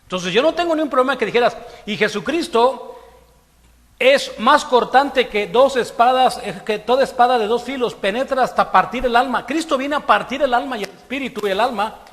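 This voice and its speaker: A man's voice: very high-pitched, normal speed, fairly bright tone. A man preaching a sermon, emphatic and conversational, acting out quoted voices. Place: church hall. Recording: long hall reverb.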